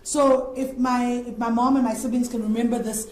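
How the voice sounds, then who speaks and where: A woman's voice: on the high side, flat delivery, normal speed, a little mellow, slight background noise. A woman from Africa, an interview guest telling her personal story in an earnest, rambling way. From South Africa. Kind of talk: candid personal testimony. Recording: echoey room.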